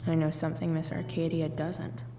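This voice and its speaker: A guarded, rebellious teenage girl muses to herself in a video game. Her voice sits a little low, with dry, understated delivery over clearly audible music. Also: monotone, normal speed. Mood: quiet, musing. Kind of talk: video game character's inner monologue.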